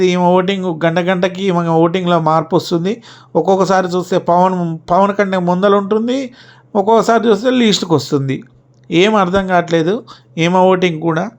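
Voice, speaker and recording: A man giving casual, chatty commentary on reality-show gossip and talking straight to his viewers as friends. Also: sits high.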